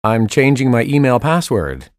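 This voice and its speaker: A man voicing the male parts of a school listening test with clear, evenly paced delivery. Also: medium pitch, very animated, normal speed, no room sound. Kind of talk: scripted test dialogue reading. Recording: dry studio recording.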